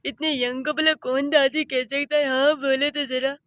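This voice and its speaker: A woman voicing a flattering young husband. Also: high-pitched, normal speed, no echo. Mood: fawning. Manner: sweet-talking, flattering.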